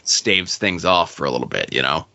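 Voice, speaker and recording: A man's voice: a bass voice, big pitch swings, moderate pace, creaky, bright, forceful tone. A man co-hosting a podcast, chatting casually in an easygoing way with short replies. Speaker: podcast co-host. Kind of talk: casual chat.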